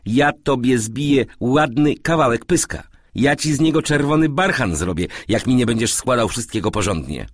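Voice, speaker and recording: A man voicing a grumbling, sleepless young merchant who talks quickly in an audiobook. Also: fairly low pitch, sing-song, no room sound, pitched above the performer's own voice.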